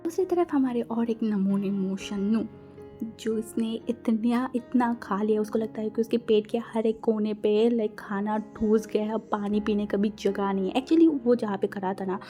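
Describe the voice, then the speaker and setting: A woman's voice: medium pitch, normal speed, mellow, faint music behind. A woman telling a fan-fiction story in casual narration, chatty, dropping English fillers into her speech.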